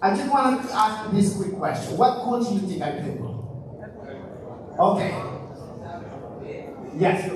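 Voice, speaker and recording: A man's voice: high voice, lively intonation, measured pace, long pauses, a crowd in the background. A young man from Ecuador with an Ecuadorian Spanish accent, talking casually to a school audience and asking them questions. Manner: chatty, asks the audience questions. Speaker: presenter. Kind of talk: casual talk. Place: school auditorium. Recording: very echoey hall, mic far off.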